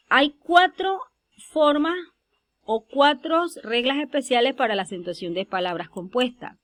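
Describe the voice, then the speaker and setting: Woman teaching rules. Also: fairly high pitch. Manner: slow, deliberate stress on example words. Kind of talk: spoken grammar lesson over slides.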